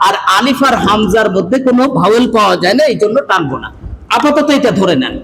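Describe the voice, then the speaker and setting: A man's voice: high-pitched, very animated, fast talker, gravelly. A male Quran reading teacher, giving a classroom lesson by a board, quizzing his students and having them repeat after him. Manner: quizzes the class and drills repetition. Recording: echoey room, loud background noise.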